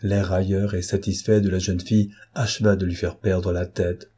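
Low, husky-voiced man narrating a novel, measured delivery. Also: level tone, mellow. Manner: measured, storytelling.

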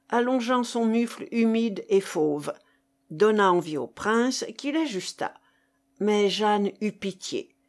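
A woman narrating a classic novel aloud in a measured, expressive reading. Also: on the high side. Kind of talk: audiobook reading of classic fiction.

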